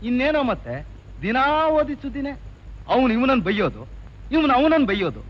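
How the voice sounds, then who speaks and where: An actor playing a boastful, bossy local tough who lectures and orders others around. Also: male voice, very high voice, huge pitch swings, fairly quick, exaggerated voice. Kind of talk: 1980s film dialogue. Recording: dull old film soundtrack with music.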